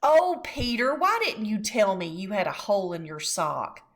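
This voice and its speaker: A woman's voice: medium pitch, big pitch swings, moderate pace. A woman voicing a fussy but firm mother of two boys while reading a storybook aloud. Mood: fretful.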